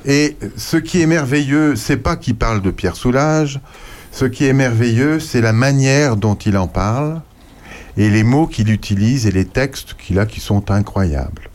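A man on a local radio show talks up a book with real enthusiasm. His speech is halting, full of fillers and restarts, and he slows down to read short passages aloud. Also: medium pitch, lively intonation, a little mellow. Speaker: radio co-host. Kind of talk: casual radio chat, reading aloud.

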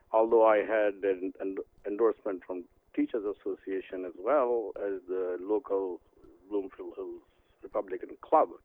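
A man's voice: mid-range voice, dry recording. Older man on a tinny phone line. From India. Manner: halting, many fillers and restarts. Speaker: guest author. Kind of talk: phone interview. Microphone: telephone.

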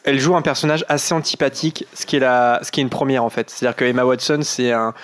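A man's voice: medium pitch, fairly even intonation, fast, a bit bright. Chatty man in casual podcast talk. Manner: chatty, hesitant, many fillers and restarts. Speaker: podcast co-host. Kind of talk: casual chat.

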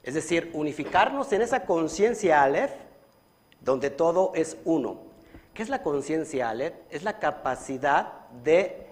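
A man's voice: fairly high pitch, animated, a little slow. Earnest man teaching a livestreamed lesson. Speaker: Kabbalah teacher and community leader. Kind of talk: livestreamed religious study lesson.

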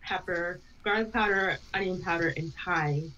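A chatty young woman from Jamaica with a very low voice, speaking as a podcast guest. Her talk is loose and full of fillers. The sound is a bit dull, with faint hiss underneath. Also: normal speed, pushed and bright. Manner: chatty, uses fillers like "like" and "you know". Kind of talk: casual podcast chat.

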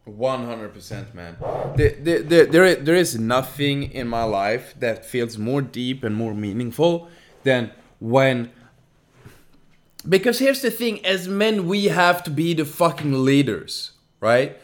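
A man's voice: mid-range voice, animated, takes it slowly. A man with an ordinary mid-range voice co-hosts a podcast. He launches into heated rants full of swearing. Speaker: podcast co-host. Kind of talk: casual podcast chat.

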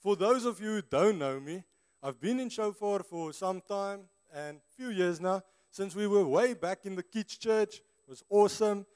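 A male preacher with a high, smooth voice and a broad South African accent shaped by his native Afrikaans. He addresses his congregation informally, in an earnest and conversational sermon style. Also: expressive, normal speed, darkish tone.

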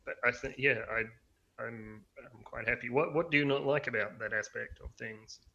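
Man, casual podcast chat, halting and self-deprecating, mid-pitched, slightly muffled lo-fi sound. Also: creaky, sharp tone. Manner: hesitant, many fillers and restarts, self-deprecating. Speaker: podcast co-host.

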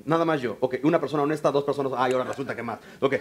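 A man with a Mexican Spanish accent preaching a sermon in church, animated and joking as he acts out voices. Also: mid-range voice, rapid-fire. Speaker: pastor and biblical counselor. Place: church before a congregation.

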